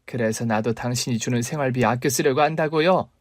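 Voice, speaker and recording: A man's voice: mid-range voice, a little fast, no room sound, clean studio sound, close to an everyday voice. A man voicing a struggling young mother in a story radio drama, pleading and reproachful toward her husband.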